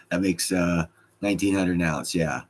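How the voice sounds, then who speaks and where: A man with a slight Scottish accent and a voice that sits low hosts a casual livestream. He reads out chat comments and jokes around in loose, profane banter.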